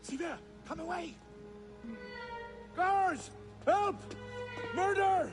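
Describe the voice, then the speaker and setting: An actress playing a frantic noblewoman in a video game, crying out in shrill panic. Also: very slow, full character voice. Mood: alarmed. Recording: game audio with music, distant.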